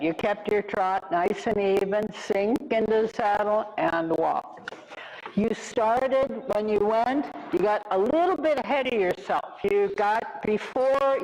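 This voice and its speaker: A riding instructor coaching a live lesson with brisk, short instructional commands. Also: medium pitch, low-quality recording.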